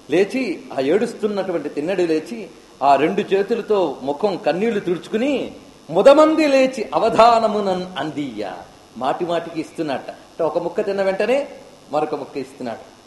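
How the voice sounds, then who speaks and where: A man's voice: a little high, animated, normal speed, a little mellow. A man giving a devotional discourse with chanted verses, speaking with impassioned, rising and falling emotion. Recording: echoey hall with long reverb.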